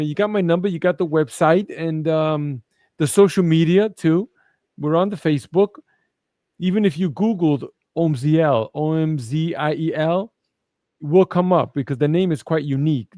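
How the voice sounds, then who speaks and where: A man's voice: on the high side, warm tone, no room sound, studio quality. Casual man with a Brooklyn accent. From Brooklyn, New York. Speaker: guest, festival organizer. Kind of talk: casual promotional interview chat.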